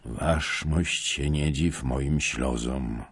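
Man voicing a tearful old soldier, slow, heavy, very deep. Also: a bit bright, husky, full character voice. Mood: grieving. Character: grieving old male soldier, tearful and grave.

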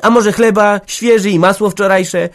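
A man voicing a young peasant wife who chatters eagerly and fusses over her family, his voice pushed high and loud. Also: moderate pace. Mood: bustling. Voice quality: raised pitch, loud and excited.

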